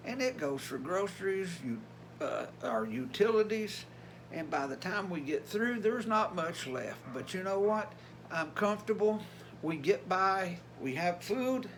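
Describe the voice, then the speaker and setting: Older male vlogger, Appalachian Tennessee accent, notably high-pitched voice, folksy and plainspoken, some background noise. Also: a bit bright. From Tennessee, USA. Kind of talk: casual vlog talk.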